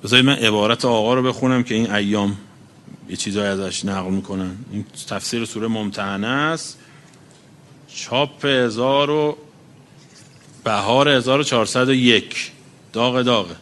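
A man's voice: mid-range voice, fairly bright tone, a little hiss or hum. A man preaching a religious sermon, reciting Arabic quotations and explaining each one in plain talk. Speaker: cleric.

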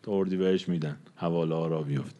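A man preaching an emotional mourning sermon, drawing out chanted verses slowly and swinging between swelling loudness and a hushed voice. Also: low voice, steady tone. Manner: emotional, swells louder then drops to a hush; draws out recited lines slowly.

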